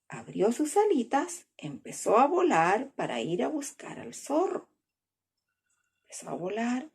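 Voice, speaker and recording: A woman telling a children's story in a slow, expressive way, with a husky, breathy voice and whispered asides. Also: fairly high pitch.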